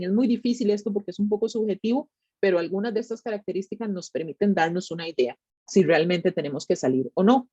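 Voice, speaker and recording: Female presenter, Costa Rican Spanish, medium pitch, conversational teaching delivery, dull close recording. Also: darkish tone, no echo. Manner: conversational, checks in with tag questions. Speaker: tsunami monitoring specialist giving a public talk. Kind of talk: explanatory educational presentation.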